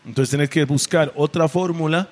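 A man's voice: fairly high pitch, normal speed. A Costa Rican man in casual podcast chat, arguing his points and explaining them. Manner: argumentative and explanatory.

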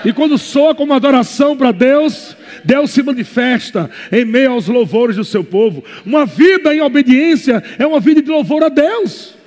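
High-voiced Brazilian pastor preaching fervently. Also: male voice, lively intonation, moderate pace, in a large hall. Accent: Brazilian Portuguese. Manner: impassioned preaching that swings between quiet asides and shouted exhortation. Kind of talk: fervent sermon.

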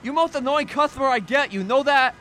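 A man's voice: very high voice, a little fast, pitched above the performer's own voice. A man voicing a grumpy male shopkeeper who talks in blunt, broken grammar. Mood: annoyed.

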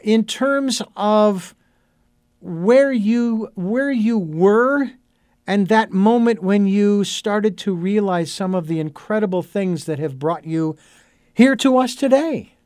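Middle-aged guy hosting a radio talk show, kinda high voice, rambly with lots of uhs, dry close sound. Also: slow pace, a little mellow, clean tone, no room sound. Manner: rambling, with many fillers and restarts. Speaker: host.

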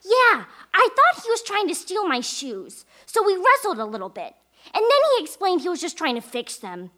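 Woman as boastful six-year-old boy, bright voice, deadpan bragging, radio comedy. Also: extremely high pitch, moderate pace, heavily acted. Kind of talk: live comedy radio play.

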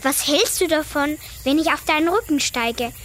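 A woman's voice: high-pitched, normal speed. A woman voicing a chatty female giraffe who grumbles and daydreams in a children's storybook. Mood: grumbling. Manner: lively, complaining storybook voice.

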